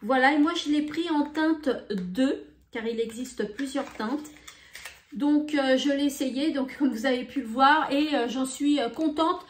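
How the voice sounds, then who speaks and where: A woman showing beauty products in a casual vlog, talking in an unhurried, hesitant way with many fillers. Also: high voice, echoey room, a little hiss or hum. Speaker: beauty vlogger. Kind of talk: casual haul video.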